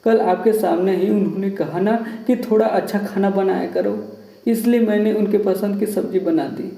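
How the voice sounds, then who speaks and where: A man voicing a hurt young wife who speaks softly and pleadingly. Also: high-pitched, fairly even intonation, moderate pace, gravelly. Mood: tearful. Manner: soft, pleading. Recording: roomy echo.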